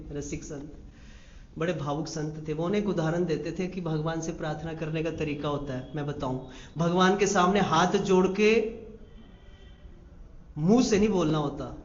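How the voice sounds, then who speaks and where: A man preaches a devotional sermon and tells its stories in an animated way. His voice sits fairly high, and the recording is roomy and slightly dull. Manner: animated storytelling, acts out quotes. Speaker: monk preacher. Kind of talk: Hindi devotional sermon with storytelling.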